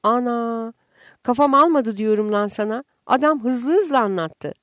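A woman's voice: fairly high pitch, a little slow, no echo, voice pushed up, lightly acted. A woman voicing a flustered village wife who protests in a raised voice and rural speech, in a dry recording. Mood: exasperated.

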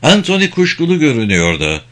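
A man's voice: a little high, wildly swooping pitch, quick pace, fairly bright tone. A man reading a novel aloud as narrator, voicing all the dialogue himself. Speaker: audiobook narrator. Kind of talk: scripted narration.

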